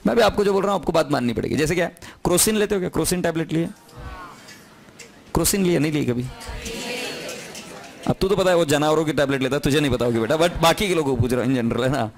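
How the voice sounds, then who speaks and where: A man's voice: fairly high pitch, fast, vocal fry, long pauses. Firm, teasing male accounting teacher. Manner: firm, teasing students, switches between Hindi and English. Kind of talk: recorded classroom lecture.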